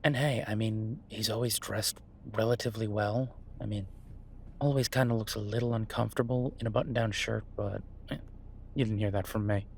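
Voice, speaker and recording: Brisk and fairly low, with vocal fry and fairly even intonation, a man takes on the role of Beau, a laid-back chef soothing his werewolf partner. His manner is conversational, hesitant and dryly amused. A little hiss or hum mixes with ambient sound effects in this naturalistic roleplay.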